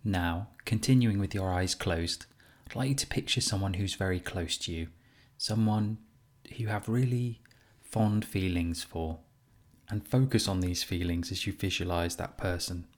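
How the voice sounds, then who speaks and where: A meditation teacher guides a compassion practice, his low voice gentle, soothing, and unhurried, with pauses throughout.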